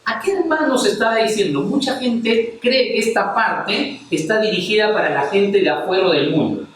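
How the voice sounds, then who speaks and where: The preacher's voice is high-pitched and moves at normal speed as he fervently addresses his congregation, peppering them with rhetorical questions. A faraway microphone picks him up in a heavily echoing church hall, along with a bit of hiss or hum.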